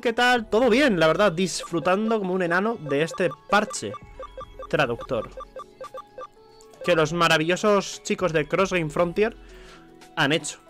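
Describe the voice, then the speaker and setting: Soft background music accompanies this Spanish-accented man from Spain as he plays through a game for his YouTube channel. His voice is high and measured with frequent pauses, and his animated, jokey commentary breaks into mock-dramatic cries.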